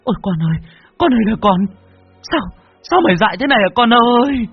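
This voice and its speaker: A man's voice: extremely high pitch, expressive, a little fast, slightly rough, no echo, dull audio, faint music behind, pitched above the performer's own voice, full character voice. A man doing a wailing grief-stricken mother. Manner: wailing, sobbing cries. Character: grieving young village mother, wailing.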